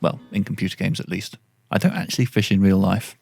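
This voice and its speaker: A man's voice: sits low, fairly quick, creaky, darkish tone, slight background noise. A man casually commentating a game as he plays, chatting and reading all the on-screen lines aloud himself. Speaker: gameplay commentator. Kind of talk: casual let's-play commentary.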